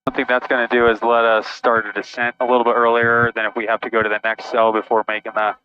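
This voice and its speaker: A man talking as a pilot, casually narrating a flight in a halting, matter-of-fact way. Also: medium pitch, completely flat delivery. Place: small airplane cockpit in flight. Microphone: aviation headset. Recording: dull, noisy aircraft cockpit intercom. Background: engine noise, radio.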